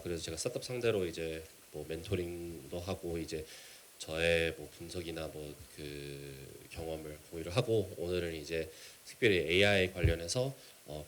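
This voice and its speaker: Deep-voiced Korean-American man presenting. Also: a little hiss or hum. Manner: halting, measured, with English business terms mixed in. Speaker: keynote speaker, startup mentor. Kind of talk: conference presentation.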